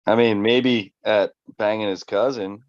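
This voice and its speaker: A man's voice: on the low side, fairly even intonation, unhurried, no room sound. Blunt ribbing guy in loose chat; dull, dry audio. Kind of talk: casual chat.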